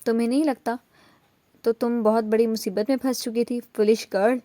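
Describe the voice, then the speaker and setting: A woman's voice: on the high side, fairly even intonation, dry recording, close to an everyday voice. A woman voicing a young man who teases and reassures a frightened girl, in a storybook reading. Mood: teasing protective. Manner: mocking, soft-spoken. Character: teasing protective young man, mocking then tender.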